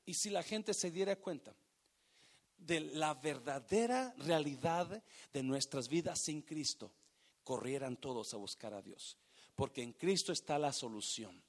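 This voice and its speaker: A man preaching a sermon, swinging from hushed, drawn-out phrases to loud, emphatic bursts. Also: fairly high pitch, lively intonation. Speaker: pastor.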